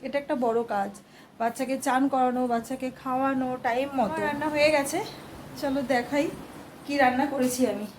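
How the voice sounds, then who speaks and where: Housewife vlogger, woman, high voice, quiet casual chat in her kitchen, faint background hiss. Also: fairly even intonation, a little fast. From India. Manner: soft, hushed talk while child sleeps. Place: home kitchen.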